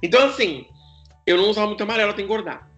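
A man, co-hosting a casual comic chat and telling animated stories. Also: high voice, rapid-fire, dull audio, faint music behind. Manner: animated storyteller, acts out quotes.

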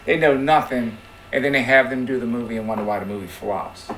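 A man on a discussion panel talking in an emphatic, excitable way. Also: medium pitch, fairly quick, echoey room, slight background noise, poor audio. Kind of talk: casual panel chat.

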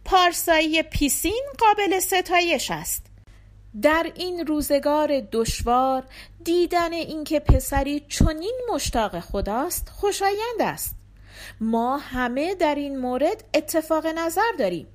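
Scornful male pandit, heated lecturer, high lively delivery, read by a woman narrator. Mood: solemn.

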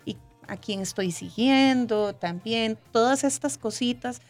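A woman's voice: on the high side, measured pace, faint music behind. Woman explaining, "¿verdad?" habit. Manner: frequent tag question "¿verdad?", warm explanatory tone. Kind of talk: casual explanatory chat.

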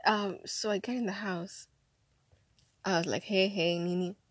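A woman's voice: mid-range voice, fairly even intonation, unhurried, no echo. Drowsy hungover young woman telling a story. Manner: chatty, dramatic, acts out quotes. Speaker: storyteller vlogger. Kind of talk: casual storytime monologue.

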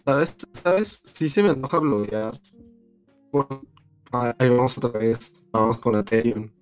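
A man's voice: mid-range voice, unhurried, faint music behind. A young adult Mexican man in casual livestream chat, speaking with slang and some swearing.

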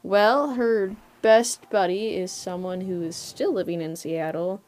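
In a casual interview about a part she voiced, a woman works out her thoughts aloud with some hesitation. Her mid-range voice is steady, unhurried and a bit dark.

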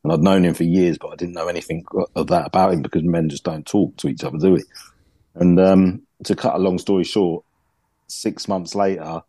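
A man's voice: deep voice, fairly even intonation, fairly quick, mellow, breathy edge, no echo. A man, a podcast guest candidly telling his own story in casual conversation. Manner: candid, self-deprecating storyteller.

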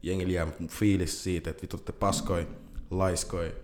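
Low-voiced man in an echoey room. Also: a little hiss or hum. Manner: loose, animated storytelling with English slang. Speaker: band vocalist. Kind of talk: casual interview chat.

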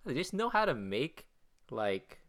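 A young man with a bright, forceful voice at an ordinary pitch. He rambles in a relaxed chat with a friend, hesitating and restarting his sentences. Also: unhurried. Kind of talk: casual chat.

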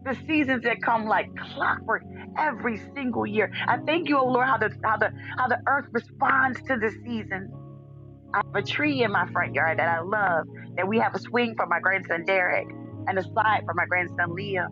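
A woman's voice: medium pitch, moderate pace, bright, forceful tone, faint music behind. Middle-aged woman leading fervent prayer over a dull line. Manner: fervent, repetitive refrains of "oh God". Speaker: prayer leader. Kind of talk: spoken morning prayer.

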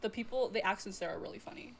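A 21-year-old woman and college student, a podcast guest, talking in a relaxed way with lots of fillers. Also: mid-range voice, rapid-fire, creaky, background noise. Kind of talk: casual chat.

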